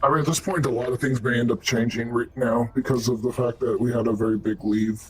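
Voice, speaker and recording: A man's voice: medium pitch, steady tone, fast talker, slight background noise. A man chatting casually in a group, putting on a cowboy voice as he talks. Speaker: roleplay community member.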